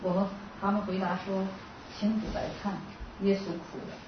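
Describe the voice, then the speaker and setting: A woman in a Bible study group reading scripture verses aloud, soft and quick. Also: medium pitch, level tone. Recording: roomy, dull, faint hiss.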